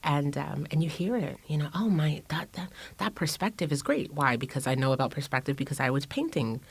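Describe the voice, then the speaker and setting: In a casual interview, a middle-aged woman guest artist talks reflectively yet animatedly and briskly, her low voice carrying a breathy edge. She laughs a lot and leans on many fillers and restarts.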